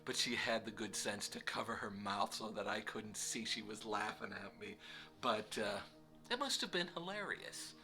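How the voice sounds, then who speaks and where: A man's voice: on the low side, lively intonation, normal speed, sharp tone, soft background music. A middle-aged man casually telling a self-deprecating story with lots of fillers. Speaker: vlog host.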